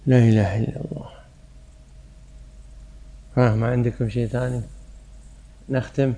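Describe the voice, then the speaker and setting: Gravelly-voiced man teaching a study circle. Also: mid-range voice, level tone, mellow, big-room sound. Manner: measured, with brief approvals and corrections. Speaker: religious teacher. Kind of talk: traditional study circle, correcting a student's reading.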